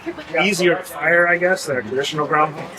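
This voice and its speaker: A man talks about his craft in an easygoing, explanatory way, with a ready laugh. He is recorded outdoors at a festival, with a crowd clearly heard behind him. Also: on the high side, fairly quick. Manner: relaxed, explanatory, laughs easily. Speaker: potter and kiln site host. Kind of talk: casual interview.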